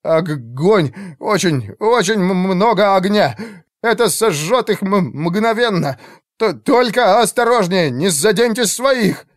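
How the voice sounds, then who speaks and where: A man voicing a terrified male mage who stammers and pleads in panic, in a dark fantasy audiobook. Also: high-pitched, animated, slow pace, dry recording, studio quality, pitched above the performer's own voice. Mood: urgent.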